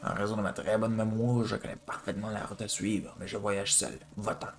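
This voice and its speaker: A man's voice: fairly low pitch, flat delivery, fairly quick, lightly acted. A man voicing a boastful, rude little knight from a video game, with a Québécois accent and a haughty, declamatory delivery. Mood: dismissive.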